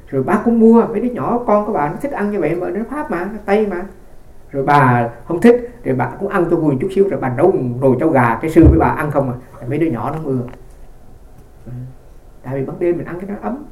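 A man's voice: high-pitched, lively intonation, quick pace, vocal fry, a little mellow. Monk guy rambling thru a dharma talk, roomy echo around him. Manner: rambling storytelling with frequent restarts. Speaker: Buddhist monk.

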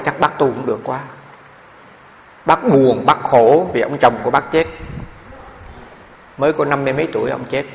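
A middle-aged Buddhist monk gives a dharma talk in a mid-range voice with vocal fry, telling it as loose, conversational stories packed with fillers. The recording has a little hiss or hum, sounds dull and lo-fi, and echoes like a hall.

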